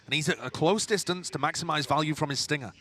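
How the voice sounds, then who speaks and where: A man's voice: a little high, quick pace, bright, forceful tone. A man giving explanatory analysis as an esports caster during live match commentary.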